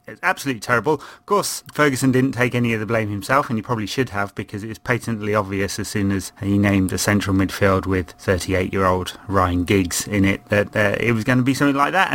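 A man's voice: on the low side, fairly bright tone. A man co-hosting a casual football podcast, giving opinionated analysis and often repeating words as he goes. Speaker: podcast co-host.

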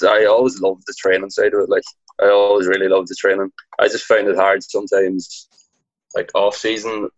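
A man in his twenties from Donegal in north-west Ireland, an amateur Gaelic footballer, chats casually and colloquially as a podcast guest, sprinkling "like" through his Donegal Irish accent. His voice sits low, and the recording is muffled.

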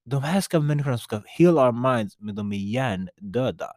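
Animated man telling a story. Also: medium pitch, no room sound, studio quality. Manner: animated, mixes in English phrases. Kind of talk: casual storytelling.

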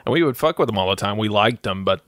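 A man's voice: lowish voice, expressive, fast talker, fairly bright tone, no echo, clean studio sound. A man telling a childhood story in a casual chat, laughing along as he goes.

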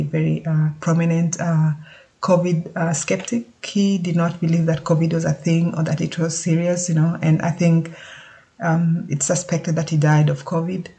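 A speaker talks casually and thoughtfully to the camera, often stopping to search for the right words. The intonation stays flat and level, with little rise and fall. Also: mid-range voice, vocal fry. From Kenya. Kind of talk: casual spoken update.

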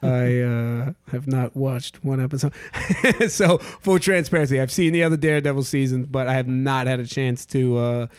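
A man's voice: medium pitch, moderate pace, few pauses, clean tone, dry recording, studio quality. A man hosting a casual podcast chat, laughing often and talking with many fillers. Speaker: podcast host.

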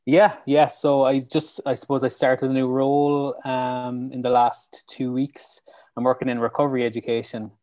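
A man's voice: mid-range voice, little pitch movement, normal speed, a little mellow, no echo. An Irish man chatting casually as a podcast guest, upbeat and earnest. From County Clare, Ireland. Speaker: podcast guest, mental health educator. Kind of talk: casual interview chat. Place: room at home, on a remote call.

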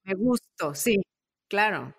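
A woman's voice: mid-range voice, animated, slow pace, gravelly, fairly bright tone. A woman interviewing a guest in casual conversation, encouraging her often with short affirmations.

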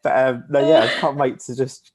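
A man co-hosting a podcast, chatting casually, giggly and animated, laughing often. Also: mid-range voice, fairly quick, husky. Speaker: podcast co-host. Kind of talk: casual chat.

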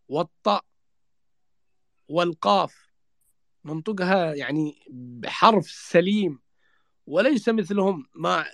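A man's voice: high-pitched, a bit bright, no echo, clean studio sound. A man lecturing with emphasis on old Arabian words and inscriptions, using repeated rhetorical refrains. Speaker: speaker on Yemeni history. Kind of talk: impassioned talk in an online voice chat.

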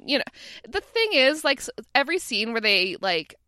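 A woman's voice: sits high, big pitch swings, normal speed, sharp tone, clean tone, dry recording. A woman co-hosting a podcast, chatting casually about a TV episode with playful, sarcastic asides and frequent laughter. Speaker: podcast co-host. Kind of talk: casual chat recapping a TV episode.

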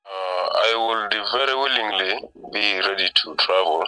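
A man whose voice is disguised and pitched very deep, talking hesitantly with many fillers over a phone call from a refugee camp. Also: moderate pace, sharp tone, a little hiss or hum. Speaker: source speaking on a call.

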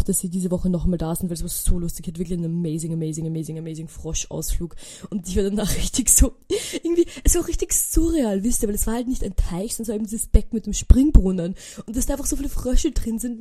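A young Austrian woman talks fast and eagerly, rushing through a casual story and dropping in English words. Her voice is mellow and warm, never sharp. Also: medium pitch. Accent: Austrian German. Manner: chatty, excitable, mixes English words in. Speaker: podcast host.

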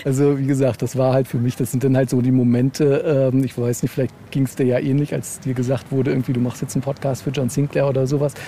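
In a casual podcast interview, a novelist rambles along, often tagging his phrases with a questioning filler. His medium-pitched voice barely moves in pitch and has a dark tone, and he talks quickly with hardly any pauses. A little hiss or hum sits under the recording.

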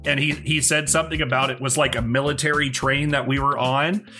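A man's voice: mid-range voice, steady tone, brisk, pushed and bright, soft background music. A man co-hosting a podcast, telling a rambling casual story with lots of fillers and swearing. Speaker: podcast co-host. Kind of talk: casual chat.

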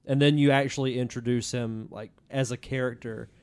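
A man's voice: medium pitch, fairly even intonation, a little fast, clean tone. A man on a discussion panel, chatting casually and explaining his opinions on films. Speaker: podcast panelist.

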